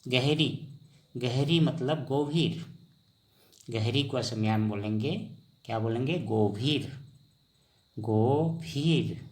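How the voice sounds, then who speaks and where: Slow, drilling male language teacher. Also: mid-range voice. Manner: slow, repetitive drilling, asks and answers his own questions. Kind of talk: vocabulary lesson.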